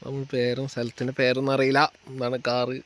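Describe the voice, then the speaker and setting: A man's voice: medium pitch, monotone, fast, fairly bright tone. A man giving casual travel vlog commentary in Malayalam mixed with English words. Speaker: vlogger. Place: outdoors on a road trip. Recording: noisy outdoor recording, vehicle sounds.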